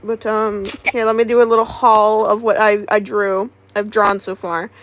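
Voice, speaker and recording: A woman streamer in casual livestream chat, rambling and halting with many restarts. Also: mid-range voice, flat delivery, no room sound.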